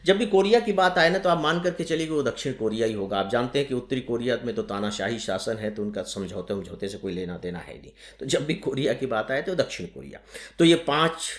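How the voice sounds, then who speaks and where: A man from India gives an exam-prep lecture in a mid-pitched voice. He explains step by step, asks rhetorical questions and slows down to stress key terms. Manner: lively emphasis, slowing down on key terms. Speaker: teacher.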